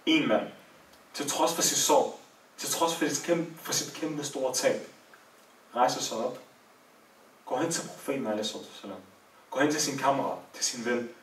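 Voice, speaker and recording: A man's voice: mid-range voice, long pauses, a little hiss or hum. A man telling a religious story as a sermon, with emotional rises and falls in emphasis. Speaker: preacher. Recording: echoey room, voice from far off.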